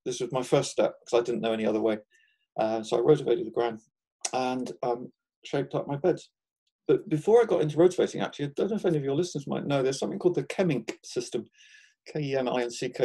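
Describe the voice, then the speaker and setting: In a relaxed interview, an English market gardener in his sixties talks through his life, thoughtful and often chuckling, with many restarts. His medium-pitched voice moves fast and has a breathy edge.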